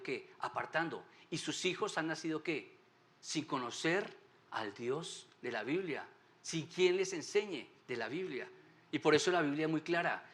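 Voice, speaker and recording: A man's voice: mid-range voice, fairly bright tone. A man teaching a Sunday Bible class at church, often putting rhetorical questions to his listeners. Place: church meeting room.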